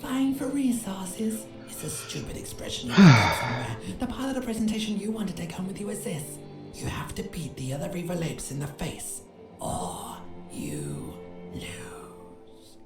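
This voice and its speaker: A woman's voice: fairly low pitch, very animated, normal speed. A woman voicing a cruel, mocking inner voice of raw feeling in scripted game narration, in a hissing, taunting whisper. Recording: echoey game audio over music.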